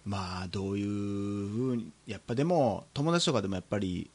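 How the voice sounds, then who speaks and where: A man's voice: fairly low pitch, brisk. A man with a Kansai accent co-hosting a casual podcast chat, telling stories with lots of fillers. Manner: chatty, animated storyteller with frequent fillers. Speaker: podcast co-host.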